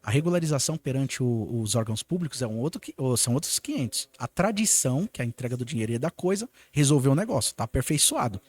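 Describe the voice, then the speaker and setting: A man with a Brazilian Portuguese accent, a lawyer telling a story on a podcast in a lively way and acting out the lines of the people in it. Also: mid-range voice, fast, hardly any pauses, no room sound. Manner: animated, acts out quoted dialogue. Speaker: lawyer guest.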